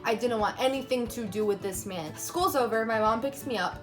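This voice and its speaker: A woman's voice: on the high side, moderate pace, faint music behind. Chatty young woman telling a story. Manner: chatty, filler-heavy retelling with many "like"s. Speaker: YouTuber telling a personal story. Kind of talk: casual storytime vlog. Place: room at home lit by fading daylight.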